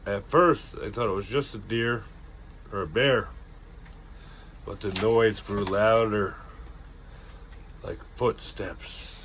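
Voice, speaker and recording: Slow-talking man telling a spooky tale. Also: fairly low pitch, a bit bright, a little hiss or hum. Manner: loose, self-correcting, dramatic swings in emphasis. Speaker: storyteller host. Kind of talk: casual spoken storytelling.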